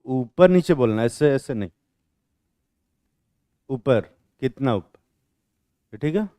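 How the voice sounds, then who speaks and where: A man teaching chemistry to a class, quizzing students and teasing them in blunt, rough slang. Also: mid-range voice, animated, takes it slowly, warm tone, no echo, clean studio sound. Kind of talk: classroom lecture with questioning.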